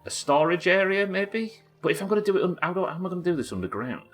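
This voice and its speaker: This livestreaming gamer talks fast in a high, animated voice as soft music plays in the background. He's got a head cold and sniffles while casually narrating his gameplay, musing aloud, and addressing viewers and his in-game pets.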